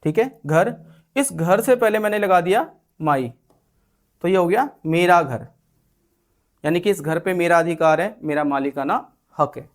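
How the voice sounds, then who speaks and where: A man with an Indian English accent teaches a spoken English lesson. His voice sits slightly high, and he keeps checking in with "theek hai" while acting out everyday example lines. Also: measured pace, pauses often. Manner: explains with acted example lines and frequent "ठीक है".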